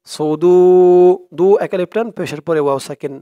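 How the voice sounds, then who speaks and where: A man teaching Quran reading in a slow step-by-step lesson, breaking words into syllables and then chanting them drawn out and louder. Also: on the high side.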